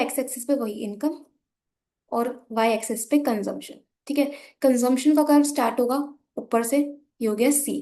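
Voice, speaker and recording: A young Indian woman with a hoarse, sore voice, patiently teaching an economics lesson while drawing graphs and speaking softly. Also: fairly high pitch. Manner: patient, repeats "ठीक है" often, switches between Hindi and English.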